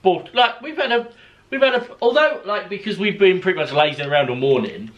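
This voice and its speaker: A man chatting casually with his partner on a home vlog, relaxed and enthusiastic. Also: high voice, brisk, lo-fi sound.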